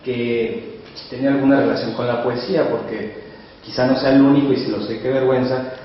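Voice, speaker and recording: A man's voice: mid-range voice, steady tone, a little fast. A man moderating a talk, asking a guest questions in hesitant, rambling phrases. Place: reading hall with audience. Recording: distant echoey hall, muffled, faint hiss.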